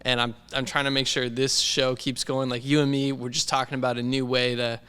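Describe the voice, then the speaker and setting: A man co-hosting a casual podcast chat in an animated, reflective, informal way. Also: mid-range voice, fairly quick, clean tone, big-room sound. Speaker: podcast co-host; video editor. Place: indoors.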